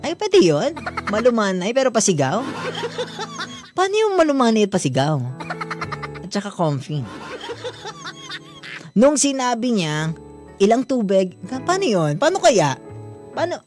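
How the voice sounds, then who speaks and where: Woman radio host, giggly, teasing, lively swooping pitch, unhurried, music underneath. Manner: giggly, teasing, frequent laughter. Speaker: radio host reading listener letters. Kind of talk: casual radio chat. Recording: radio studio with music bed.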